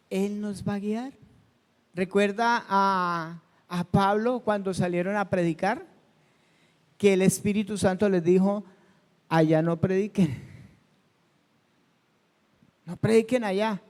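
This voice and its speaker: High-voiced pastor in a reverberant hall. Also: male voice, darkish tone, clean tone. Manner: conversational preaching with questions to the congregation. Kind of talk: sermon. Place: church hall.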